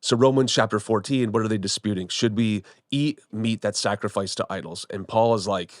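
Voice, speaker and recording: A man's voice: lowish voice, brisk, no echo, clean studio sound. A man in his forties, a pastor co-hosting a casual church podcast, talking conversationally and often repeating words as he thinks. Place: studio room with podcast team.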